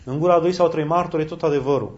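A man preaching a sermon as a priest, speaking animatedly and leaping up in pitch when he voices other people. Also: a little mellow. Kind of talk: sermon answering questions. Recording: dull lo-fi with faint noise and clicks.

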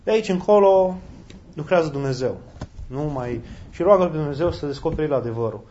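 A man preaching a sermon as a priest, speaking animatedly and leaping up in pitch when he voices other people. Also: animated, warm tone. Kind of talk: sermon answering questions. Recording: dull lo-fi with faint noise and clicks.

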